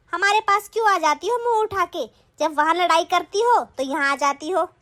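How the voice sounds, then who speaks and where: A woman voicing a domineering, sharp-tongued sister-in-law in a Hindi cartoon, taunting and scolding. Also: very high voice.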